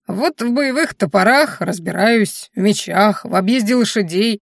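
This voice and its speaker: A woman's voice: mid-range voice, moderate pace, dry recording, clean studio sound. A woman voicing a blunt, plain-spoken green orc warrior woman in an audiobook. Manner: gruff, plain-spoken, snorting.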